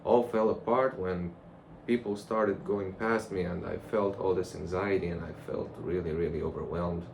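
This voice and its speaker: A man's voice: low voice, steady tone, normal speed, darkish tone, poor audio. A young man rambling casually and reflectively to a camera, in a loose conversational monologue. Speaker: vlogger. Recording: clear background noise.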